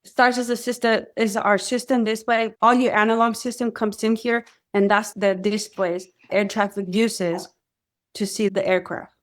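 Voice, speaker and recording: A Mexican woman whose first language is Spanish tells her story as a radar technician guest in a conversational interview. Her voice is medium-pitched at normal speed, and she narrates animatedly, acting out quoted voices.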